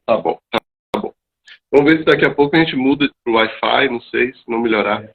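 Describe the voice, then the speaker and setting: A calm, articulate man, answering questions on a live video call. His voice comes through dull and lo-fi, with little top end. He speaks at a middle pitch, steady and reflective. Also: brisk, creaky, breathy edge. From Salvador, Bahia, Brazil. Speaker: guest, teacher.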